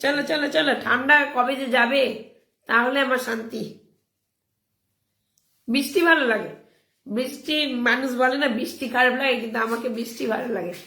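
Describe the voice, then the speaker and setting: A woman hosting a casual live stream, hoarse from a cold, brisk and coaxing as she keeps urging viewers on. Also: sits high, pushed and bright. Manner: brisk, coaxing, keeps repeating calls to act. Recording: roomy echo.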